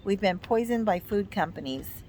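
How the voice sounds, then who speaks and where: A woman's voice: mid-range voice, expressive, normal speed, darkish tone, a little hiss or hum. An American woman in her fifties chatting casually and giving blunt, emphatic, complaining opinions. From United States. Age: 50s. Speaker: vlog co-host.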